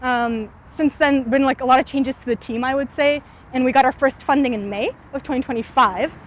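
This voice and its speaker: This is a high-pitched, fairly quick woman's voice with a steady tone, outdoors on a city street. She's in her twenties, from California, and is casually interviewed about her startup as she walks, pausing thoughtfully and saying "like" and "um" a lot.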